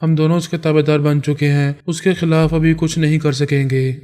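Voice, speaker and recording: A woman's voice: deep voice, flat delivery, dark tone, natural voice. A man voicing a frightened young woman who pleads and despairs in a storybook reading. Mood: despairing. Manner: pleading, distraught.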